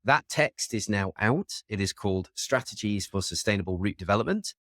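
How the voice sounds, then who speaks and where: Low-voiced upbeat podcast host, man. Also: lively intonation, moderate pace, a bit bright, no echo, studio quality. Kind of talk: podcast interview.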